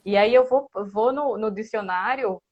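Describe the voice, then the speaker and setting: The recording is muffled as a Brazilian Portuguese-speaking woman, a writing group member, gives casual explanatory answers in an interview. Her voice is on the high side and she talks at normal speed. She often checks in with small tag questions.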